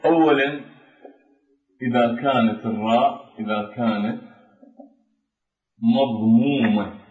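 A man gives a tajweed lesson, spelling out pronunciation rules at a slow, deliberate pace and repeating each example. His voice sits in a middle register and carries a roomy echo. The recording is dull and lo-fi. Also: mid-range voice, far from the mic. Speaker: Quran recitation teacher. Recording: dull echoey room recording.

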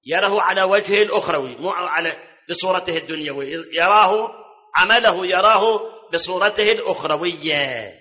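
A man's voice: high-pitched, pushed and bright. A man preaching a sermon, quizzing his listeners and quoting scripture. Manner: quizzes the audience, quotes scripture. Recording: dull lo-fi recording.

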